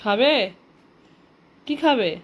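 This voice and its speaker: A woman's voice: high-pitched, takes it slowly. A young woman vlogging at home, coaxing her children and chatting to viewers. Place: at home, indoors. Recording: noisy home recording with vehicle sounds.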